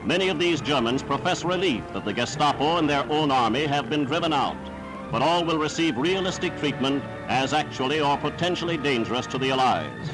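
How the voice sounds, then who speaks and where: A man narrates a wartime 1940s newsreel in a fairly high voice, with prominent music behind him. His delivery is formal and declamatory, every sentence read from a script as a proclamation. The sound is that of a period film soundtrack. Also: lively intonation, brisk, rough recording.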